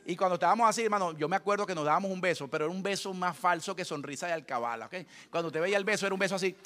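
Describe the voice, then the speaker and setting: A man's voice: sits high, rapid-fire, fairly bright tone. A middle-aged man, preaching a sermon with humorous family stories and acted-out quotes. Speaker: pastor.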